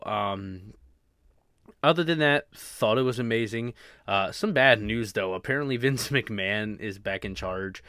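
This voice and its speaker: A man hosting his own podcast in casual solo chat, rambling and halting, with many fillers and restarts. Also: on the low side, a bit bright, no echo, studio quality. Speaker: podcast host.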